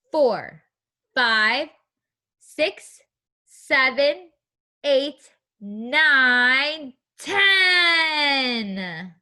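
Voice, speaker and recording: Here a preschool teacher's voice sits high, sounding pushed and bright as she reads a story to young children. She leads them with guiding questions and easy, encouraging phrases in a sing-song style.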